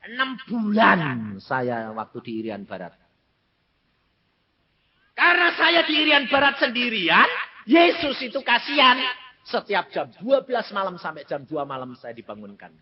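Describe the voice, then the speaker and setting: A man's voice: high-pitched, sing-song, unhurried, slightly rough. A man in his eighties with a Javanese accent, preaching a storytelling sermon and acting out the voices in his stories. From Central Java, Indonesia. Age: 80s. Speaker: evangelist preacher. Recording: dull lo-fi sermon recording.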